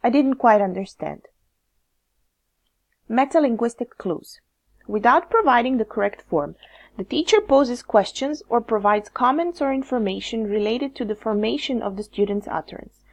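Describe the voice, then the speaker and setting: A woman with a Croatian accent, a teacher trainer giving measured, scripted narration that explains how to correct students. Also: a little high, animated. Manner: measured, explanatory, reads examples aloud.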